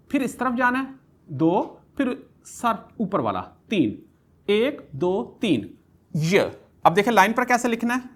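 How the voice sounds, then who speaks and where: A man's voice: high-pitched, a bit bright. A male kindergarten teacher giving an alphabet writing lesson. He talks through each pen stroke step by step and patiently repeats each letter sound several times.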